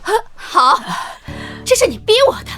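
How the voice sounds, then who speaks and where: An actress playing an entitled, scheming young daughter-in-law with a vicious temper, shrill and accusatory, in a melodramatic short drama. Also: female voice, very animated, normal speed, a bit bright, soft background music. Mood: threatening. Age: young adult. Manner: shrill, accusatory, swings between tirades and coaxing.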